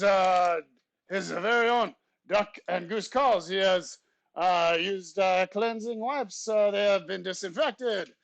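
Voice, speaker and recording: A pompous Frenchman standing in as substitute teacher, as a male teacher puts him on, with a put-on, over-the-top French accent and a fairly high voice. He reads out the class notices in stiff, formal phrases with theatrical flourishes. The sound is dry and close. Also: no room sound. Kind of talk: comic class announcements in character.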